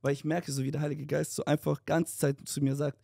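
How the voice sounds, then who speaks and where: A young man co-hosting a podcast, telling a story in casual chat, animated and mixing in English slang. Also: fairly high pitch, brisk, creaky, dry recording, clean studio sound. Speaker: podcast co-host.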